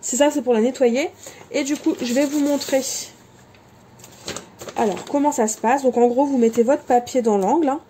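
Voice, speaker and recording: A woman's voice: high voice, fairly even intonation, moderate pace, mellow, a little hiss or hum. A woman showing her craft supplies in a casual vlog, chatty, with lots of fillers and self-corrections. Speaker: crafting vlogger. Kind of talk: casual show-and-tell vlog.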